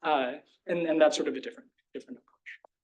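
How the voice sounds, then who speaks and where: A man's voice: fairly high pitch, big pitch swings, quick pace, rough recording. A man on an academic panel who talks fluently and informally and thinks aloud. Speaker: panel discussant.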